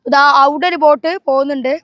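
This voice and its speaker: A woman's voice: high-pitched, fairly even intonation, fast, no echo, dull audio. A woman travel vlogger chatting casually to viewers in a Malabar Malayalam accent from northern Kerala, mixing English words into her Malayalam. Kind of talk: casual vlog chat to viewers.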